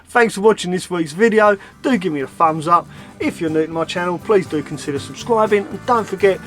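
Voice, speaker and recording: A man's voice: high-pitched, fairly quick, fairly bright tone, faint music behind. Chatty Cockney man vlogging from his van. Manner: chatty and self-mocking, with easy laughs. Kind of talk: casual vlog chat to camera. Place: inside a camper van, seated.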